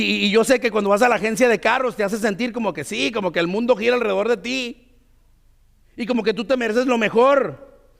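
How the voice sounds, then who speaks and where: A man preaching in a church with a fairly high voice. He talks in a loose, conversational way, tossing in tag questions and fillers as he goes. The sound carries a long reverb from the church hall. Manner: tells a story with many "dice" quotes. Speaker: pastor. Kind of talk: sermon.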